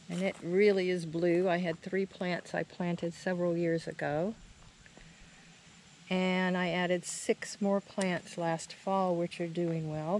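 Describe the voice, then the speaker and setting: A woman talks slowly in a slightly low voice, as if showing visitors around. Her manner is casual and plainspoken, like a home garden tour. It is recorded outdoors, with clear background noise of crickets and insects. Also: a little mellow, rough recording. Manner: unhurried, plainspoken.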